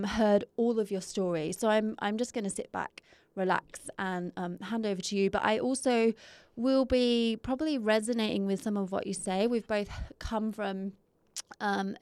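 A woman's voice: mid-range voice, darkish tone, smooth, no room sound. A woman hosting a conversational podcast, talking in a friendly, encouraging way with some fillers. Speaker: host.

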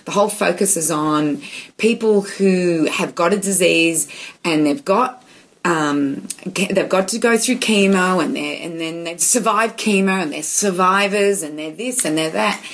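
A woman with a lowish, gravelly voice speaks earnestly in relaxed chat. She talks emphatically and often doubles back on her words. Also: a little slow. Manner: earnest, emphatic, rambling with restarts. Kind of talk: casual chat.

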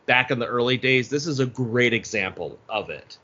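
A man's voice: medium pitch, normal speed, pushed and bright, husky. A man co-hosting a podcast, chatting casually about a movie with loose, profane talk and many restarts. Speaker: podcast co-host. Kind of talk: casual movie review chat. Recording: dull lo-fi podcast audio.

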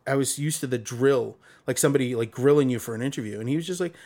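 A man with a Brooklyn accent and a mid-pitched voice talks as a podcast guest. His delivery is conversational and informal, like someone swapping stories. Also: fast, darkish tone. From Brooklyn, New York. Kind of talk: casual conversational storytelling.

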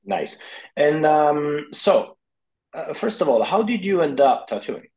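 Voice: medium pitch, very animated, slow, a little mellow. A podcast host asking friendly questions in a casual chat, with frequent fillers and restarts.

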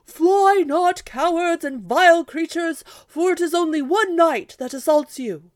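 A woman's voice: mid-range voice, expressive, a little slow. A woman voicing a proud, deluded older male knight-errant who speaks in grand, archaic declamations. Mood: shouting.

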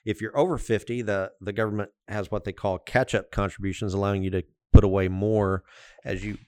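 A man explaining things off the cuff as a podcast panelist, pausing and repeating words as he goes. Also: on the low side, steady tone, a little mellow, no echo. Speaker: financial firm executive, podcast panelist. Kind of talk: unscripted explanatory talk.

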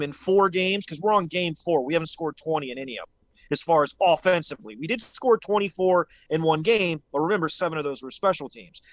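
A man on a sports podcast gives blunt, emphatic opinions about his team, leaning hard on the words that matter. His voice sits a little high for a man, recorded dry and close. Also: no room sound, muffled recording. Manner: emphatic, opinionated, rising to stress points. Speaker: podcast co-host. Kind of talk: casual sports podcast talk.

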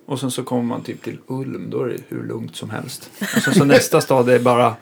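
Man, musician, gravelly fry, husky, casual chat, thoughtful, loose, many fillers. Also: mid-range voice, fairly even intonation.

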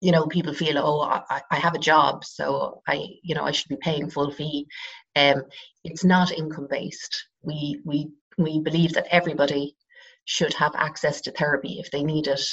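A middle-aged Irish woman with a croaky voice, explaining her work informally in a hesitant, measured way with frequent pauses. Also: low voice, level tone, fairly bright tone. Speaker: psychotherapist, interview guest. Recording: dull, lo-fi sound.

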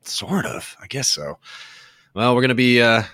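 A man co-hosting a casual talk show, relaxed and earnest, with dry jokes. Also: medium pitch, normal speed, no echo. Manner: relaxed, earnest, joking aside. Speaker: show co-host.

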